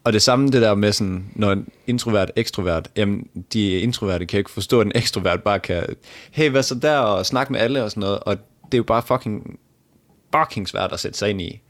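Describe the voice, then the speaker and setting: Young male co-host, lowish voice, dry quips. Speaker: podcast co-host. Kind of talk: casual chat.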